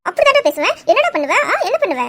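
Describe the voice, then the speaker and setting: High cartoon young woman voiced by a performer, squeaky and feisty, scolds loud, faint hiss. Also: a little fast. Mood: defiant. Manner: scolds loudly, then cries. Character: frightened, feisty young woman out alone at night.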